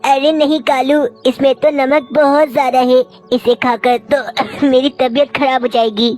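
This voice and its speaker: A woman voices an elderly mother crow in a cartoon, meek and plaintive in her complaints. Her voice sits high, with soft music in the background. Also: steady tone, moderate pace. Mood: fussing. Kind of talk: cartoon voice acting.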